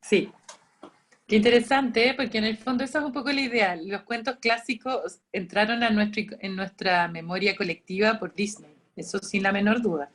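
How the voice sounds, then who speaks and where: A woman's voice: medium pitch, steady tone, moderate pace. A woman, a librarian running an online training session for volunteer storytellers, explaining in a chatty way with many restarts and quoted dialogue.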